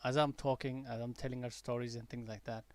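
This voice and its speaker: Stream host, male, mixed American and British accent, gravelly voice, dry close sound, rambling and chatty. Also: mid-range voice, flat delivery, brisk, a little mellow, no echo. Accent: mixed accent, partly American-tinged English learned abroad, softened by years in the UK. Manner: chatty and rambling, with many fillers and restarts. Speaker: day-trading livestream host. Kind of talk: casual live trading commentary.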